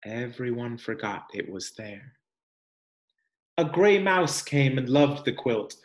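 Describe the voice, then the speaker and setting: Here a man with a medium-pitched voice acts as a teacher reading a picture book to kids. Expressive and careful, he pauses to emphasize things and asks guiding questions, all in an echoing room.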